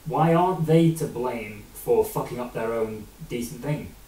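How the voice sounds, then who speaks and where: A man's voice: mid-range voice, expressive, unhurried, mellow. Blunt, sweary man, far from mic. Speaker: podcast co-host. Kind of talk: casual chat. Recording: roomy, distant mic.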